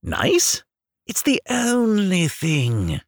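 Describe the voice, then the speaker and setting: Guy doing a chill dreamy water rat, lilty high voice, gravelly, big swoops. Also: huge pitch swings, normal speed, no echo, studio quality, full character voice. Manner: sing-song, dreamy and easygoing. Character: dreamy cheerful male water rat, boat lover. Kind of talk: storybook reading.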